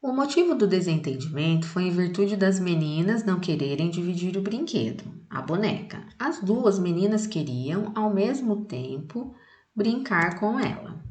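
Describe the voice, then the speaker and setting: A Brazilian woman teacher with a fairly low voice reads a children's poem aloud and then explains it. She addresses her students directly and keeps checking in with them as she goes. Her voice carries an echo from the room around her. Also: big pitch swings, moderate pace, a little mellow. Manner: explanatory, addresses class as "gente", frequent "né" and "tá". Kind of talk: lesson with poem reading aloud.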